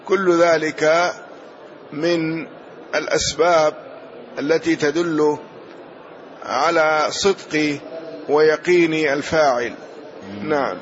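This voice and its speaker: Slow, deliberate male hadith teacher. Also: on the high side, steady tone, slight background noise. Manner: measured, punctuates with "na'am". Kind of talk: slow explanatory lesson commentary. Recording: dull lo-fi recording.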